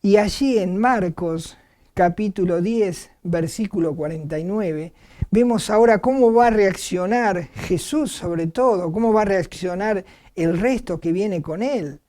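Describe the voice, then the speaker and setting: Mellow-voiced Argentine preacher. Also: medium pitch, measured pace. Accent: Argentine Spanish. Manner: earnest, many hesitations and "este" fillers, retells scripture with quoted cries. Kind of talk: evangelistic sermon. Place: church.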